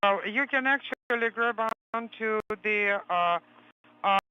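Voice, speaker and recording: A man making terse procedural calls over a crackly space-to-ground radio transmission, clipped and halting with hesitations. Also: high voice, smooth. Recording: muffled radio link with faint noise.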